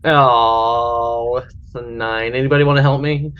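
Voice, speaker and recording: A man's voice: medium pitch, steady tone, measured pace, smooth, muffled recording. A man chatting casually as a player in a tabletop game.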